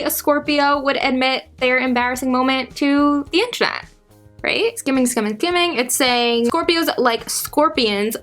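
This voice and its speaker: A woman's voice: high voice, a bit bright. A young woman in her twenties chatting casually to her viewers in a Q&A vlog, bubbly and full of "like". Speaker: YouTuber.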